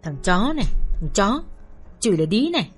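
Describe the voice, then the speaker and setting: A tall, hot-tempered young man, enraged and cursing through gritted teeth, his voice low and hard, as a woman reading the story plays him. Faint music sits under the reading. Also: brisk, natural voice.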